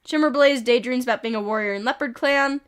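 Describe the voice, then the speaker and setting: A woman's voice: high voice, smooth. Slightly sick woman reading game events. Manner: reads events with quick amused asides and chuckles. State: a little sick, with occasional coughs. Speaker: streamer. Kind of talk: casual game stream, reading in-game events aloud.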